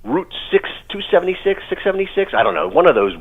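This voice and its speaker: A man in casual radio chat, jokey and animated, plugging his band's gigs. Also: high-pitched, quick pace, narrow, tinny audio. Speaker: band member and guest. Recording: radio broadcast.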